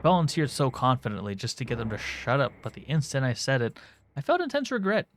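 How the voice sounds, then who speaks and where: A man's voice: medium pitch, huge pitch swings, fast talker, a little hiss or hum. A man hosting a game playthrough, reading the story aloud dramatically with wry, sarcastic asides. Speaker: gaming host reading aloud.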